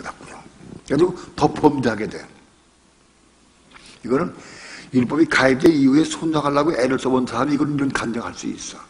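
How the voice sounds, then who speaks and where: Older man, pastor, sermon delivered as emphatic conversation, mid-pitched voice, faint noise behind. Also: a bit bright. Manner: conversational preaching with rhetorical questions and personal stories; emphatic, repeats phrases.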